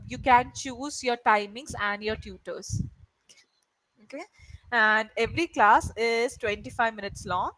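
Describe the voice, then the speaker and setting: Over a video call, an Indian woman whose first language is Malayalam tutors a student in English, often checking in with "right?" in an encouraging way. Her voice is a little high with a fairly bright tone. The recording is dry and of low quality.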